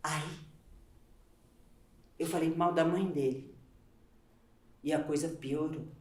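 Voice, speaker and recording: An actress playing an overworked, exasperated housewife on a theater stage, swinging from hushed pleading to shrill outbursts. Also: female voice, very animated, normal speed, reverberant. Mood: indignant. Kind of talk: live stage theater acting.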